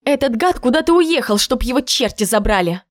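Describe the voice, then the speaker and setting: A woman voicing an indignant young female friend who speaks loud and high, outraged. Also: brisk, no echo, clean studio sound, lightly acted.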